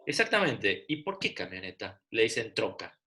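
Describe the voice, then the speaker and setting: Lecturing to an online class by video call, this middle-aged man speaks Rioplatense Spanish with an Argentine accent and keeps things chatty, peppered with rhetorical questions. His lowish voice is sing-song, pushed and bright, at a moderate pace.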